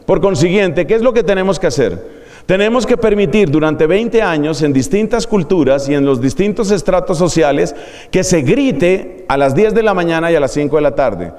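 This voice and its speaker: Priest guy giving a uni lecture, high voice, ironic, keeps asking the crowd questions, long echo in the hall. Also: lively intonation, normal speed, darkish tone. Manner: ironic, rhetorical questions to the audience. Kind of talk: university lecture. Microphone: microphone.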